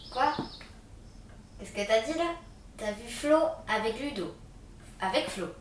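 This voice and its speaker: A woman's voice: a little high, animated, a little slow, echoey room, recorded from a distance, slight background noise. A woman playing an irritated older sister who answers with snappy, impatient retorts. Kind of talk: amateur theatre acting.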